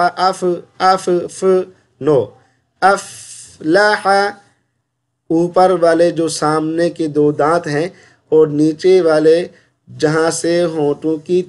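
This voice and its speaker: High-voiced man slowly drilling recitation. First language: Urdu. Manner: recites slowly, stretching syllables, then gives quick spoken corrections. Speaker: Quran recitation teacher. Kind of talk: tajweed lesson, slow drilled recitation.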